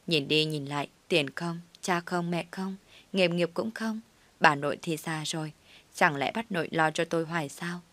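A woman narrating a personal story in the first person, in a steady, plain recounting manner. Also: low-pitched, no echo.

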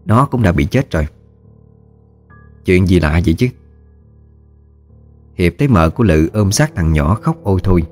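A man narrates a ghost story. His voice is on the low side and his delivery is steady and measured. Faint music plays underneath.

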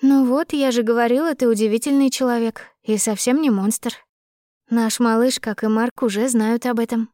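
A woman's voice: fairly high pitch, fairly even intonation, normal speed, mellow, no room sound, natural voice. Woman reading an eager young heroine for a romance audiobook, pleading, dry close sound. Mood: teasing. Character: loving, earnest young woman.

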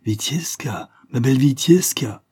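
A man voicing an army major, a smooth seducer pleading earnestly. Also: mid-range voice, lively intonation, measured pace, a little mellow, voice pushed up.

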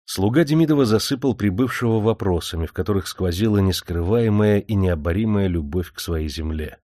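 Male narrator for audiobook prose, steady descriptive read, low register, dry close sound. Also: a little fast, no echo.

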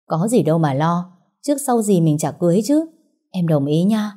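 A woman voicing a gentle young man who softly coaxes his girlfriend. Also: on the low side, expressive, moderate pace. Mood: tender. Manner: soft, coaxing.

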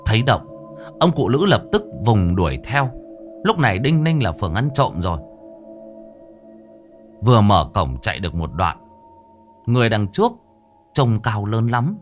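A man narrating a Vietnamese village ghost story in a vivid, expressive storytelling manner. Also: lowish voice.

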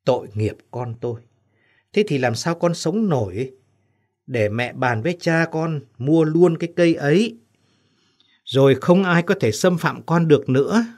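A man's voice: a little high, expressive, a little slow, a little mellow, voice pushed up. A man voicing an older mother who speaks tenderly and pleads in a trembling voice, in an audio story. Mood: sobbing.

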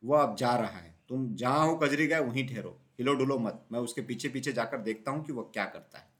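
A man voicing a bossy, nervous male crow in a children's audio story, speaking loudly and scolding. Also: medium pitch, brisk, lightly acted. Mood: agitated. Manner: loud, shouting and scolding.

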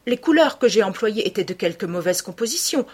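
A woman's voice: mid-range voice, sing-song, fairly quick, darkish tone, slightly rough, pitched above the performer's own voice. A woman reading an audiobook voices a distraught middle-aged male painter, speaking in an anguished, emphatic way.

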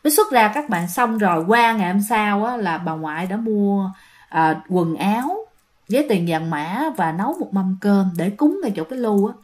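A woman narrating a ghost story, animated and talking directly to her listeners. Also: medium pitch, normal speed.

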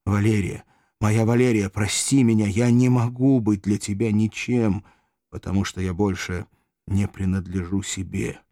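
A man voicing a despairing young gladiator who speaks haltingly, his voice broken by grief. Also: on the low side, fairly even intonation, warm tone, no echo, studio quality, lightly acted.

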